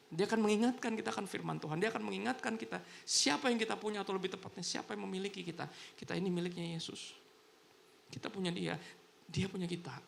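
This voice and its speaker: A man's voice: sits high, vocal fry, slight background noise. A man preaching a sermon as pastor, telling stories casually and acting out the voices of the people in them. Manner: chatty and animated, acts out quoted voices. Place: church service in a hotel ballroom.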